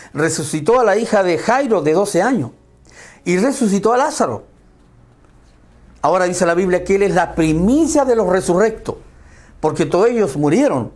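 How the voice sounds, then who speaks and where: A man preaching a sermon, fervent, with sweeping rises and falls in pitch and pace. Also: a little mellow.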